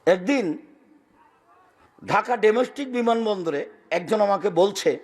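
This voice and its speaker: A male preacher giving a sermon, speaking hard and forcefully. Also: high voice, lively intonation, measured pace. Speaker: Islamic preacher.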